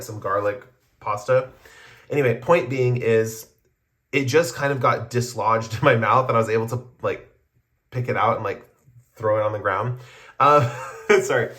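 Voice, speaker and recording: Guy doing a chill tarot reading, mid pitch voice, rambly and conversational. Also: a bit bright. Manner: meandering, conversational explaining to viewers. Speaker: tarot reader. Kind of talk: casual pick-a-card tarot reading to camera.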